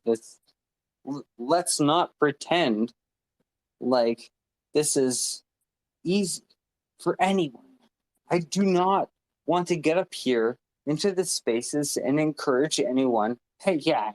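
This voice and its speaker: A man speaking slowly and with heavy emphasis, profane and rambling as he urges listeners on. The sound is dry, with no room echo. He is a guest on a live online audio panel. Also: a little high, a little mellow.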